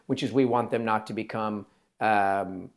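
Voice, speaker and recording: A man hosting an interview as a plastic surgeon, talking directly and lively, acting out quotes of others in his speech. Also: lowish voice, a little slow, gravelly. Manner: direct, animated, acts out quotes in his talk. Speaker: plastic surgeon, podcast host. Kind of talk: conversational interview.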